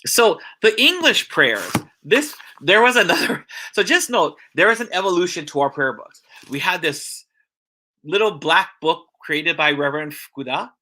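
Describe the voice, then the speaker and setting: A male church minister giving an informal religious mini-lesson, earnest and heartfelt, often halting and restarting his sentences. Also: fairly high pitch, lively intonation, bright, forceful tone.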